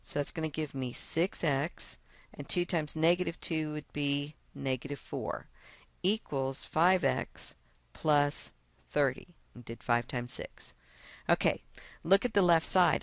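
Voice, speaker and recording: A woman's voice: low-pitched, dry recording. Chatty self-mocking woman teacher, dry sound. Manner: chatty, self-mocking, talks through each step aloud. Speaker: math teacher. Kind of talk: casual screen-recorded lesson walkthrough.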